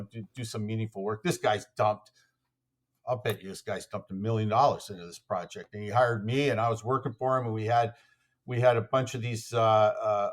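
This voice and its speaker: Rambling male coach full of fillers. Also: lowish voice. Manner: rambling, heavy with fillers and restarts. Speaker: athletics coach, podcast guest. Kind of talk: casual conversational storytelling.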